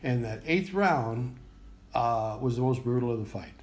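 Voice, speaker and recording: A man's voice: mid-range voice, a little slow. A man chatting casually as a guest commentator, acting out the action with sound words. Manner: animated, acts out punches with sound words. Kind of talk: casual chat.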